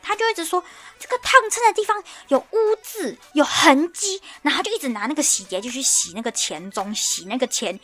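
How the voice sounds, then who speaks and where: A woman's voice: high voice, animated, brisk, fairly bright tone, faint music behind. A woman podcast host telling a workplace story in a casual, exasperated, ranting monologue.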